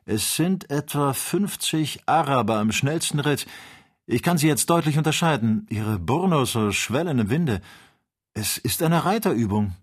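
A man voicing an excitable male hunter on a balloon journey, speaking in urgent, agitated exclamations. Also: mid-range voice, a little slow, slightly rough, pitched above the performer's own voice. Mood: excited.

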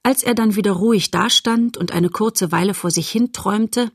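Woman reading a kids story, kinda husky, dry close sound, calm and steady. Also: medium pitch, moderate pace, no echo. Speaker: narrator.

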